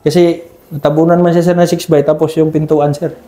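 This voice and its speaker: A mellow-voiced man recounts combat memories in a respectful, unhurried way. He tacks "sir" onto almost every phrase. The sound carries a roomy echo. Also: on the high side, flat delivery. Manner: deferential, ends nearly every phrase with "sir". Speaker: army scout ranger team leader. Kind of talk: conversational war story interview.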